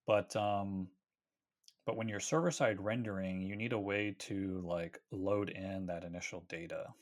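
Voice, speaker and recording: A man's voice: deep voice, a little slow. A man co-hosting a casual tech podcast, explaining things at length and correcting himself as he goes. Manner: rambling, self-correcting explanations. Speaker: podcast co-host.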